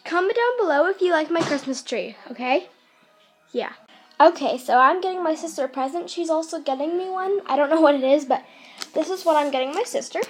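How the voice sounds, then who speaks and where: Filming a home holiday vlog on a handheld camera, a giggly, chatty young woman talks to viewers from her family's house at Christmas. Her high-pitched voice has lively intonation and runs a little fast over soft background music, and the audio is poor.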